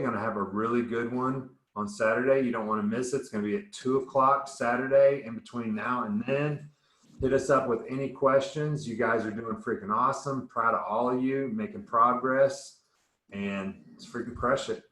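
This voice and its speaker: A man's voice: medium pitch, normal speed, a bit bright, echoey room. A man coaching a group on nutrition in a casual, upbeat way, rambling a little and often restarting words.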